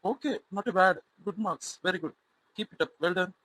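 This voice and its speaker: A man's voice: high-pitched, extremely slow, sharp tone, dry recording, heavily acted, low-quality recording. A man voicing a firm but encouraging male college lecturer in a cartoon, lecturing students and then praising them. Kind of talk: cartoon voice acting.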